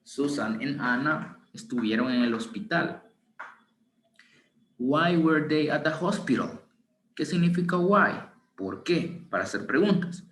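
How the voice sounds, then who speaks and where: A man teaching an online English lesson in Spanish, reading English examples slowly and explaining them patiently. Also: a little high, animated, a bit bright, a little hiss or hum. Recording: roomy echo with faint ambience.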